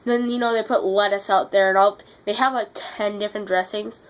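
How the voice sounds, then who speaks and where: Sick with a runny nose and a fading voice, a teen girl vlogs a story in a casual, blunt and exasperated way, cursing freely throughout. She has a medium-pitched voice with fairly even intonation and talks a little fast on a rough recording.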